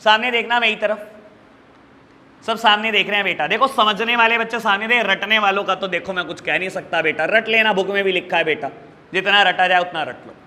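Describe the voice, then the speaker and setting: A man teaching a commerce class, warmly calling his students "beta" and asking them questions that he answers himself. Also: high-pitched, fairly quick, big-room sound, slight background noise. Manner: affectionate, calls students "beta" and "babu" constantly. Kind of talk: classroom lecture.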